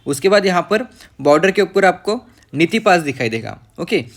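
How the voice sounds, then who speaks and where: A man with a slightly high-pitched voice gives an exam-prep geography lesson from a map. He mixes English terms into his Hindi and checks in with "okay" after almost every point. He pauses with fillers and corrects himself as he goes. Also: big pitch swings. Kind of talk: map-based lecture.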